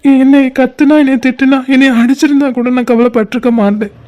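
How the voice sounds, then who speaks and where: A voice actor playing a heartbroken, emotional young man in an animated comedy-drama, talking in a distressed, pleading way. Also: sits high, brisk, lightly acted. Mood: anguished. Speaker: cartoon character.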